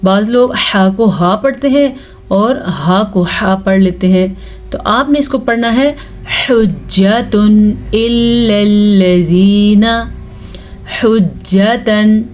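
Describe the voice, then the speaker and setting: A woman teaching Quran recitation rules, explaining each sound and then reciting words slowly and drawn out. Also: mid-range voice, lively intonation, faint music behind. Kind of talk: recitation lesson with slow drawn-out recitation.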